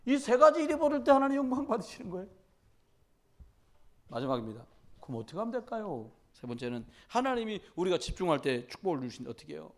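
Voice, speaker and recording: A male pastor preaching a midweek church sermon, swinging between loud exhortation and quiet storytelling, and often putting questions straight to the congregation. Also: high-pitched, very animated, fast. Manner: conversational, addresses congregation directly with questions.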